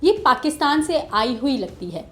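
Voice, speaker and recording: A woman anchor reading a scripted news report in Hindi style, brisk, opening with dramatic rhetorical questions. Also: high voice, animated, fairly bright tone. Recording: music bed behind voice.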